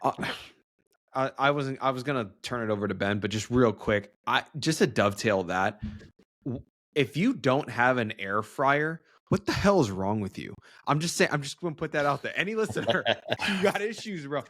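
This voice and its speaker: A man co-hosting a casual podcast, energetic, slangy and teasing, talking into a podcast microphone. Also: mid-range voice, normal speed, no echo. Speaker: podcast co-host.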